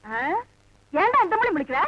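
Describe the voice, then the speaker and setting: A proud, stubborn old grandmother from a village, speaking. She scolds gruffly in a high voice that swoops a great deal, and the old film audio sounds dull and muffled. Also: sing-song, moderate pace, dry recording. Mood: scolding. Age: older. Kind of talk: film acting.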